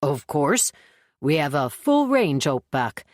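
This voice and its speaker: A woman's voice: deep voice, very animated, slow, darkish tone, dry recording, clean studio sound, exaggerated voice. A woman narrator voicing a kindly, polite middle-aged male gun shop clerk in an audiobook. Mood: friendly. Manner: polite, helpful.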